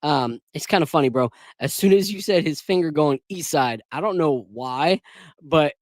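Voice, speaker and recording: A man's voice: on the high side, animated, moderate pace, dry recording. A man hosting a casual sports and whiskey livestream, chatty and laid-back, calling on viewers to like and subscribe. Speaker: podcast host.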